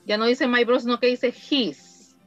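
Woman teaching english slowly, kinda muffled dull sound. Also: a little high, steady tone, faint music behind. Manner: slow, careful, repeats phrases for students. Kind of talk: online class explaining grammar.

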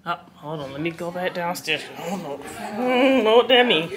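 A woman's voice: fairly low pitch, normal speed, crowd noise. A woman, chatting casually to the camera about a friend's surprise. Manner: lively, laughing, exclaiming. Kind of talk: casual vlog chat.

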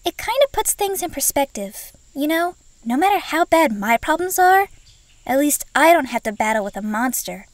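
A woman voicing a shy, bookish young schoolgirl in a comic dub, gentle and thoughtful. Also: high voice, sing-song, normal speed, no echo.

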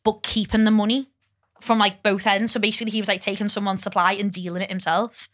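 A young Liverpool woman with a bright, forceful voice tells stories as a podcast guest. She chats freely, swears and laughs easily. She is recorded close on a boom mic in a small studio. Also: flat delivery, quick pace. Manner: chatty, laughing storyteller who swears freely. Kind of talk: casual chat.

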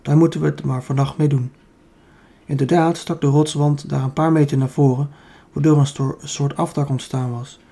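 A man's voice: on the high side, fairly even intonation, normal speed, vocal fry, warm tone, slightly rough. Dutch man reading an audiobook. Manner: reads with small slips and self-corrections. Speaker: audiobook reader. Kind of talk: reading a children's book aloud.

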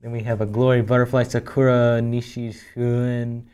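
Young man, mid-pitched voice, casual slangy chat, halting name readings, indoor tabletop card opening. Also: level tone, a little mellow, smooth. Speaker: card box opening host. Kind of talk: casual chat while opening trading cards.

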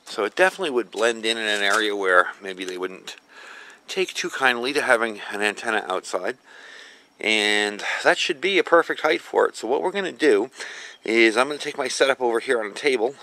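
Outdoors in a gravel yard, a male video host and product reviewer gives a casual, hands-on product demo, explaining things in an informal, folksy way. His mid-range voice is animated, brisk, bright and forceful. The outdoor camera recording picks up ambient noise.

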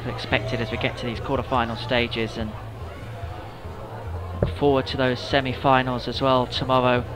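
A man giving live darts commentary in a measured, informative way. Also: mid-range voice, little pitch movement, a crowd in the background.

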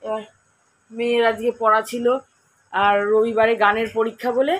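A woman's voice: a little high, flat delivery, moderate pace, fairly bright tone, poor audio. A woman, chatting casually at home about her day in a rambling, homely vlog style. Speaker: homemaker vlogger. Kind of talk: casual daily-life vlog narration. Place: at home, indoors.

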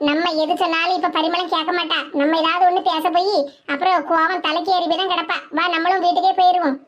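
A woman's voice: very high-pitched, flat delivery, quick pace, lo-fi sound. A woman voicing comic cartoon dialogue in chatty village banter, with a Tirunelveli Tamil accent. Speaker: cartoon voice artist.

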